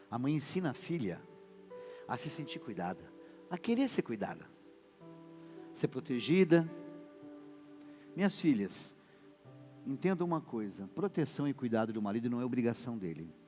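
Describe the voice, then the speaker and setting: A man, preaching a sermon as pastor and acting out what husbands and wives say in lively voices. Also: medium pitch. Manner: animated preaching, acts out quoted wife and husband voices. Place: church. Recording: reverberant church hall with music behind.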